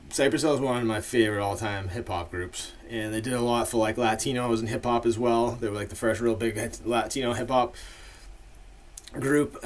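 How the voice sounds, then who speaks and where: A man's voice: medium pitch, a little hiss or hum. A man in a casual, rambling monologue full of fillers, giving his opinions as the host of a ranking video.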